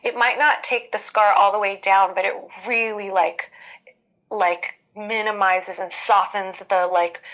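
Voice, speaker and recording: A woman's voice: medium pitch, a bit bright, low-quality recording. A woman hosting a casual live skincare Q&A, giving advice in a conversational, hesitant way as she thinks aloud.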